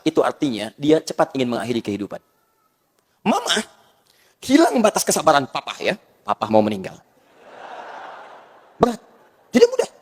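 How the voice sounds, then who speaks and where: A male Islamic preacher delivering a joking, animated sermon and acting out little quoted scenes. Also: medium pitch, in a large hall. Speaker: ustadz preacher.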